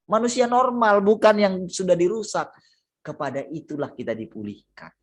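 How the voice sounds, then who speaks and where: A pastor preaches a sermon over a video call. The delivery is lively and storytelling, and the speaker keeps turning to the listeners with a direct address. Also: mid-range voice, moderate pace.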